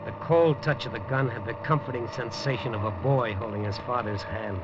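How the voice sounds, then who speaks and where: Fairly quick and medium-pitched, this lead narrator is an actor voicing a tough male newspaper reporter in a 1950s radio drama, lightly acted with dry, clipped wisecracks. There's background noise, and the old broadcast audio is dull.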